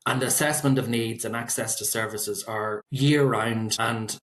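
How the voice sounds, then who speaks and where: A man's voice: mid-range voice, fairly even intonation, unhurried, fairly bright tone. A man with an Irish accent giving conversational interview answers as an expert, explaining point by point. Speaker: solicitor, guest expert.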